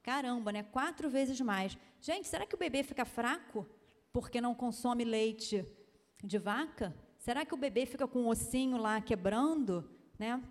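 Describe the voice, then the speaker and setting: A woman's voice: a little high, moderate pace. Chatty woman pediatrician in a reverberant hall. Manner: chatty, frequent tag questions, emphatic. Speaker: pediatrician giving a talk. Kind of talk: lecture-style talk with slides.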